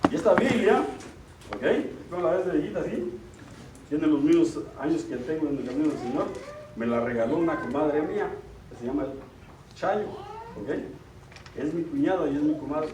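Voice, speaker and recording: A man's voice: fairly high pitch, animated, normal speed, pauses often, background noise. A middle-aged man giving an earnest church retreat talk, often checking in with listeners. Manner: earnest, questions the audience with tag "ok?". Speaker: lay speaker at a church retreat. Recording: roomy hall, from far off.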